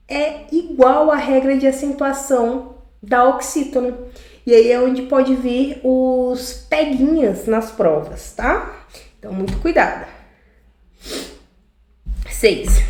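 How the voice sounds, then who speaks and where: A Brazilian woman teaches a grammar lesson in a fairly high voice. She explains step by step with a Brazilian Portuguese accent, often checking that her students follow. The recording has an echoey, roomy sound. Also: a little mellow. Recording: echoey room.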